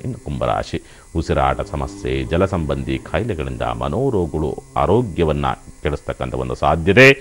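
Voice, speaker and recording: A man working as a TV astrologer, reassuring callers and steadily reading out predictions for each sign. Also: extremely low pitch. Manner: soothing, reassuring counsel. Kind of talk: call-in horoscope advice.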